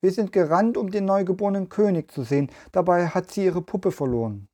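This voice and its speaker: Man doing a high, hurried worried mom in a storybook. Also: mellow. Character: anxious mother hurrying along the road.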